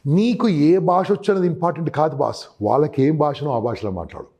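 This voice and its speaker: Husky, mellow-voiced man coaching sales. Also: a little high, a little fast. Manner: emphatic, addresses listener as boss, acts out customer dialogue. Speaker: sales trainer guest. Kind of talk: advice interview.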